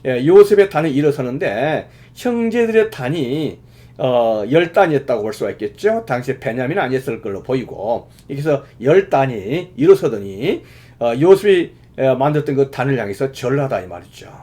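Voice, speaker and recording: A male pastor giving a sermon in a measured, explaining way, using many fillers and rising with emphasis at key points. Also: mid-range voice, sing-song, warm tone.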